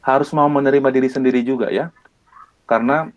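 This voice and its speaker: A man from Indonesia, an evangelist, telling his personal testimony in an earnest way, with many pauses and repeated phrases. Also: mid-range voice, fairly even intonation, dull audio. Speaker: evangelist guest.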